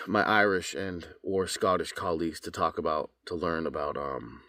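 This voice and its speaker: A man's voice: a bass voice, fairly bright tone, no echo, studio quality. A man who works as a voice actor, chatting casually from his home booth, rambling with many fillers and restarts. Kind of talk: casual vlog talk.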